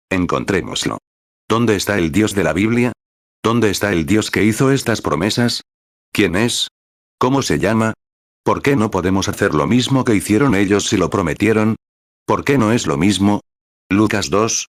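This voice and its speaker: A man preaching a sermon in an earnest way, full of rhetorical questions and a measured delivery. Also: sits low, no room sound, studio quality. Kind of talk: sermon read in translation.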